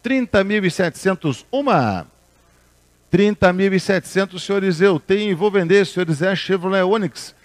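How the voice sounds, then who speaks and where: A man's voice: high-pitched, expressive, moderate pace. A man working as an auctioneer, repeating bids at a car auction and formally addressing the bidders.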